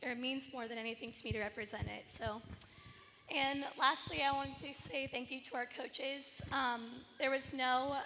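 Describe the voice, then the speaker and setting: A young woman who plays on a college volleyball team, her voice hoarse, giving an earnest thank-you speech with many pauses. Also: high-pitched, steady tone, sharp tone, in a large hall, slight background noise. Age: young adult. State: lost her voice. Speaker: senior college volleyball player.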